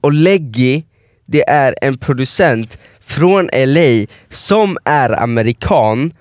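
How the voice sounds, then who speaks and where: A man's voice: mid-range voice, no room sound, clean studio sound. Laughing young man telling stories. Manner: animated storyteller, laughs often, acts out quotes. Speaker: podcast co-host. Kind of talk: casual podcast chat, storytelling.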